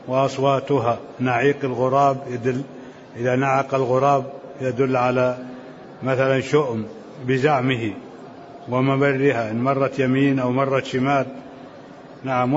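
A man teaching a lesson. He explains a text slowly and asks the reader short questions. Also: mid-range voice. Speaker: sheikh teaching the book. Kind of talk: lecture commentary on a text. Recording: dull lo-fi recording with faint hiss.

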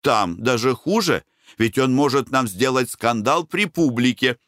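A man's voice: mid-range voice, lively intonation, unhurried, a bit bright, no room sound, clean studio sound, voice pushed up. A man voicing a sleepy, worried middle-aged wife in a storybook reading, plaintive and fearful.

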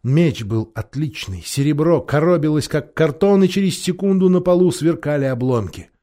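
A man giving an expressive, dramatic reading of a storybook. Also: fairly high pitch, normal speed. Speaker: audiobook reader. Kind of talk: storybook narration.

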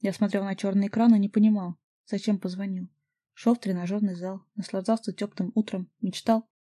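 Mellow-voiced woman narrating a novel. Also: medium pitch, flat delivery, brisk. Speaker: audiobook narrator. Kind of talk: first-person novel narration.

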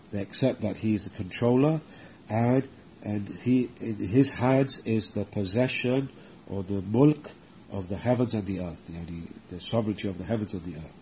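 A man teaching a religious book lesson, explaining slowly with many restarts and checking in with "okay?", and reciting Arabic verses quickly. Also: fairly low pitch, dark tone, dull audio, a little hiss or hum. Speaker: Islamic teacher.

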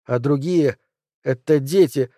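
Spellbound boy in a trance, read by a man, slow and low, dark dry tone. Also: no room sound, lightly acted. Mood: entranced. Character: entranced boy, slow and hushed.

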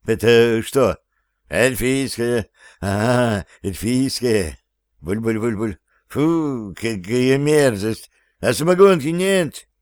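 A man's voice: mid-range voice, expressive, slow, a little mellow, no room sound, studio quality. A man voicing a coarse, brash male thug who turns mock-coy, in an audiobook. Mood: crude, disgusted. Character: Petruccio, coarse male thug gleefully transformed.

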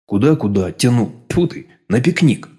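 A man voicing a confident young man who gives brisk commands and teases his sweetheart, in an audiobook. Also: mid-range voice, very animated, warm tone, husky. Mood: teasing.

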